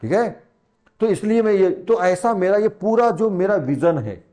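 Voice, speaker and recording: A man's voice: high voice, animated, a little slow, mellow. A man teaching a science class as a tutor, chatty and teasing, talking straight to his students. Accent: Hindi. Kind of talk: classroom lesson in Hindi.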